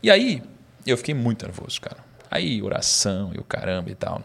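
A man talks fast in a medium voice, spinning an animated, slangy story as a podcast guest. He laughs easily and keeps it casual. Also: mid-range voice, creaky, husky.

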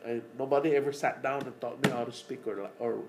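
A man's voice: medium pitch, brisk. A man with a Chamorro accent talking casually and emphatically as a podcast guest, often repeating his words. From Mariana Islands. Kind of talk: casual conversation mixing English and Chamorro. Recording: steady background ambient noise.

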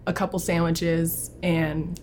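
A woman's voice: lowish voice, little pitch movement, slow, a little mellow, a little hiss or hum. A young woman from New Orleans, a guest chatting casually on an interview show in a friendly, slightly hesitant way. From New Orleans, United States. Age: young adult.

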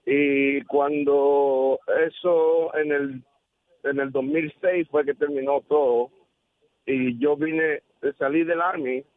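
A man's voice: mid-range voice, no room sound. A man calling in to a talk show by phone, chatty and laughing easily. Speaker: phone-in caller. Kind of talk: casual phone call. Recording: dry tinny phone line.

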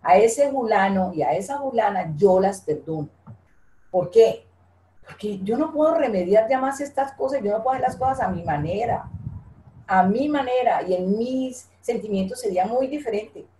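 A woman's voice: medium pitch, lively intonation, normal speed, warm tone, echoey room, a little hiss or hum, rough recording. An older woman speaking earnestly and from the heart in an interview, often repeating her phrases. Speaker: guest, interviewee's mother. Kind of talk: emotional interview talk.

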